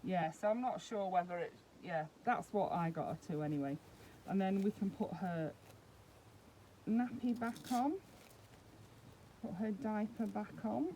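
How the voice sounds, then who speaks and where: Brief: woman, doll-collector vlogger, mid pitch, chatty step-by-step demo, faint background hiss. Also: measured pace, pauses often, warm tone, low-quality recording. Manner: chatty, explains step by step while handling the doll. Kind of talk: casual unboxing demonstration.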